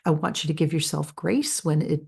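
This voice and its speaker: A woman hosting a spiritual healing podcast, speaking in a soft, earnest, reassuring way with frequent restarts and tag questions. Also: sits low, a little fast, creaky, breathy edge. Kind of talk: gentle guided spiritual talk.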